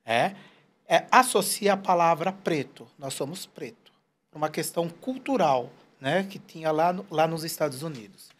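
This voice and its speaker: Interview guest, man, 40s, animated storyteller, swinging pitch, acts out quoted speech. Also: normal speed. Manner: animated, storytelling, quotes people in put-on voices. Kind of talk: casual interview conversation.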